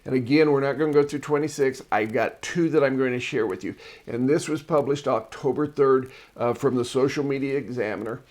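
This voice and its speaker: Male host of a marketing show with a mid-pitched voice, chatty and digressive, casual solo talk with personal anecdotes. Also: a little fast, a little mellow.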